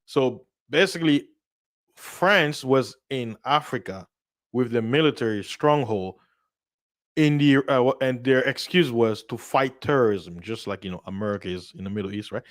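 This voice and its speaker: A man explains world events in casual talk, telling a story with animated energy and slipping into voices for the people he quotes. His voice sits at an ordinary middle pitch. The sound is dry and close, with no room around it. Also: moderate pace, no echo. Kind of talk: casual political discussion.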